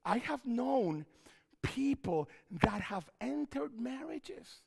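A middle-aged man, a pastor and counselor, gives an animated seminar talk from a church stage with a headset mic, often repeating his phrases. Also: extremely high pitch, takes it slowly, vocal fry, slightly rough, big-room sound. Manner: animated, repeats phrases, wide hand gestures while pacing.

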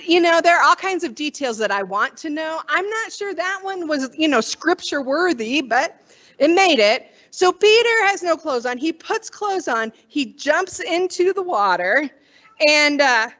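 A woman's voice: high voice, expressive, normal speed, fairly bright tone, highs cut off. A woman pastor giving a sermon in a conversational way, wondering aloud and acting out the quoted voices.

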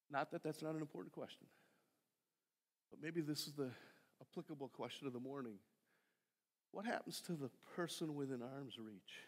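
A middle-aged man preaching a conversational sermon from a church stage, asking rhetorical questions and slipping in small jokes. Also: on the high side. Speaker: pastor. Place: church stage, large sanctuary. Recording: long hall reverb in a sanctuary.

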